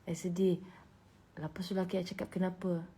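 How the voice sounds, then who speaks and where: Animated Malaysian woman retelling a story. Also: lowish voice, normal speed, breathy edge. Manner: emotional, animated retelling, swinging from hushed whispers to loud bursts. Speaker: singer. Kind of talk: storytelling vlog.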